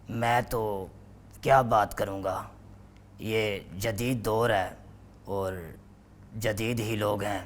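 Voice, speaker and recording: A man's voice: lowish voice, slight background noise, voice pushed down, close to an everyday voice. A man putting on the voice of a humble, fatherly old man.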